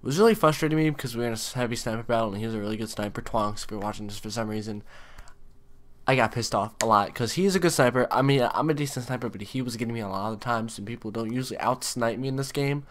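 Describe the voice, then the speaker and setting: A man's voice: mid-range voice, fast talker. A man in his twenties talking casually to his viewers as a gaming video creator, recorded in a bedroom. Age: 20s. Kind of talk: casual chat to camera. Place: bedroom, indoors.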